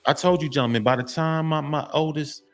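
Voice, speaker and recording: A man's voice: a little high, steady tone, a little fast, soft background music. A man, giving a heartfelt motivational talk to fathers. He is emphatic, stumbles and repeats himself, and is tearful at times. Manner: emphatic, repetitive, restarts often, preachy. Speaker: vlogger addressing fathers.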